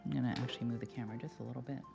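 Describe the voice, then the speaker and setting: Extremely low-pitched and full of vocal fry, this woman talks very fast with fairly even intonation as she cooks live on stream. Her jokey, filler-heavy chatter rambles on over slightly dull lo-fi audio and faint music.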